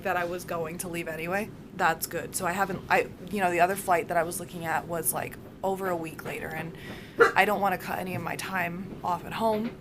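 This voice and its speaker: A young woman chats to camera in a casual, rambling way. Her voice is hoarse, with a worn smoker's rasp, at an average pitch for a woman. Clear background noise runs behind her. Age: young adult. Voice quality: raspy smoker's rasp, voice wearing out. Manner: rambling, acts out reported exchanges. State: hoarse, close to losing voice. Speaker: vlogger.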